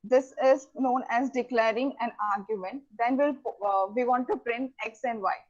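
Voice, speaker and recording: Woman, programming lecturer, halting delivery full of fillers, slightly high voice, dull lo-fi recording. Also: darkish tone. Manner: halting, many fillers and restarts. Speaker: programming teacher. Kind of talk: lecture over slides.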